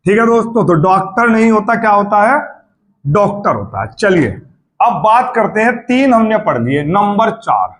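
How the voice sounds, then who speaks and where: High-voiced grammar teacher. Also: male voice, big pitch swings, moderate pace, a bit bright. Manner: addresses students as friends, repeats drills and checks understanding. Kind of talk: exam-prep Hindi grammar lesson.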